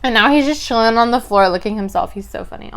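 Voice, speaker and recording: A woman's voice: a little high, fast talker, fairly bright tone. A young woman in her twenties chatting casually to viewers between bites of food, filling her talk with "like". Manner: chatty, lots of "like", chewing sounds between lines. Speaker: mukbang vlogger. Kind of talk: casual chat while eating.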